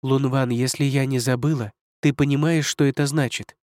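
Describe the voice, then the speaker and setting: A man's voice: medium pitch, fairly even intonation, moderate pace, darkish tone, no room sound, clean studio sound, lightly acted. A man reading an audiobook, voicing a young fox spirit woman who is anxious and pleading. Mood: panicked.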